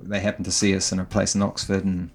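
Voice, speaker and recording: Gravelly low New Zealand man. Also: fast. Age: middle-aged. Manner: relaxed, self-deprecating, laughs often, many restarts. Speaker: guest guitarist. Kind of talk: casual interview chat.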